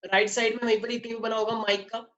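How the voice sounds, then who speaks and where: A man's voice: high-pitched, little pitch movement, fast, pushed and bright. Quizzing male physics teacher, online class. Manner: mixes Hindi and English, constantly quizzes students. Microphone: online class microphone. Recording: muffled online audio with faint noise.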